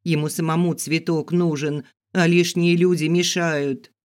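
A man voicing a frightened young woman who is tied up, shouting and pleading in a high, strained voice, as a character in an audiobook. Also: little pitch movement, unhurried, close to an everyday voice. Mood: desperate. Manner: shrill panicked shouting and pleading. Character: frightened young woman heroine, bound and desperate.

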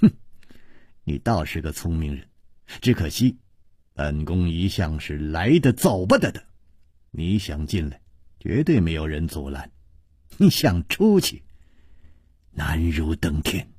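A man voicing a proud, shrewd young female disciple who explains deliberately. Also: mid-range voice, very animated, a little mellow, husky, no room sound, clean studio sound. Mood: cold sneering. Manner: deliberate, knowing, later coldly sneering.

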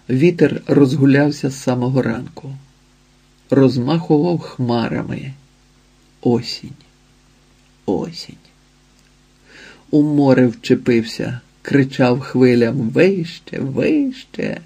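A man narrating a novel as an audiobook in a measured, expressive reading. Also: mid-range voice, slightly rough.

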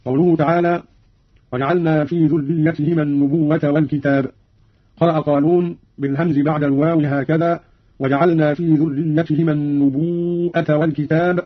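Husky-voiced man explaining formally. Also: on the high side, level tone, a little fast. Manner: formal, precise, didactic. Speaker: radio presenter. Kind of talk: scripted explanatory narration. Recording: dull old radio recording.

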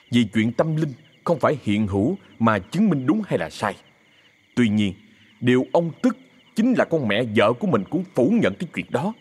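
A man's voice: mid-range voice, husky. A man narrating a ghost story with a Southern Vietnamese accent, in a dramatic, suspenseful manner.

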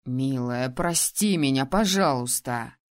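A woman voicing a loving, remorseful husband in a read-aloud story, speaking in a soft pleading way. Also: very deep voice, lively intonation, slow, voice pushed down, exaggerated voice.

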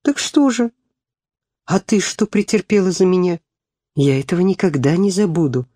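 A man's voice: high voice, lively intonation, normal speed, dark tone, dry recording, studio quality. A man reading the part of a young princess schoolgirl who speaks tenderly and devotedly to her friend. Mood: fervent. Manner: tender, whispering.

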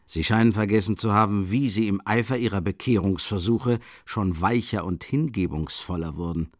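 A man voicing a cynical, mocking gentleman villain with smooth irony in an audiobook reading. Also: fairly low pitch, normal speed, dry recording, clean studio sound, natural voice. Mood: sneering.

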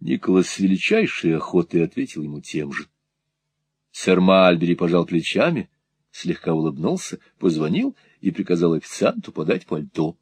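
A man narrating a classic novel as an audiobook, with measured and dramatic storytelling. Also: deep voice, sing-song, a little mellow, breathy edge, no echo.

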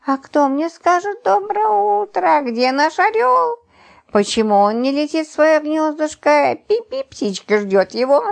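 A woman reading an audiobook voices a flirtatious woman who coos in a high, coquettish voice. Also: animated, a little slow, creaky, exaggerated voice. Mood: cooing. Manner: cooing, coquettish. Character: flirtatious sleepy woman, cooing lover.

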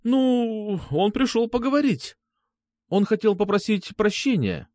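A man's voice: sits high, animated, measured pace, darkish tone, no room sound, studio quality, pitched above the performer's own voice. A man voicing a frightened, meek young woman who pleads timidly in an audiobook. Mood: timid pleading. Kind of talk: audiobook character voice.

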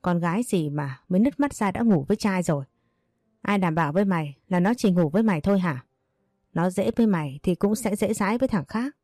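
A woman voicing a domineering older mother who scolds her son in fast, sharp-tongued bursts. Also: lowish voice, animated, no room sound, studio quality. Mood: furious.

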